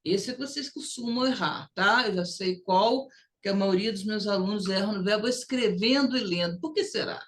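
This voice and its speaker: A woman's voice: mid-range voice, moderate pace. A woman English teacher, leading a recorded lesson and drawing out phrases for students to repeat.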